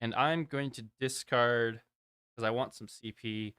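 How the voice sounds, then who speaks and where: A man's voice: mid-range voice, fairly even intonation, a little slow, bright, forceful tone, smooth, no echo, studio quality. A man hosting a live board game stream, chatting casually, teasing his opponent and laughing often. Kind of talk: casual livestream chat while playing.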